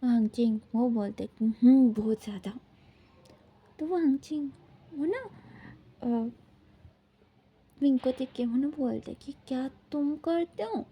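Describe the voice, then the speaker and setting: Soft-toned woman retelling a fan story. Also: high voice, measured pace, pauses often, husky. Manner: chatty, filler-heavy retelling with quoted dialogue.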